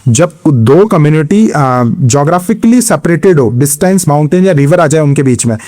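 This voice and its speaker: A man with an Indian accent teaching an exam-prep lecture, mixing Hindi and English, posing his own questions and answering them, reading English questions slowly. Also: fairly high pitch, mellow. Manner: explains step by step, asks and answers own questions, frequent "theek hai".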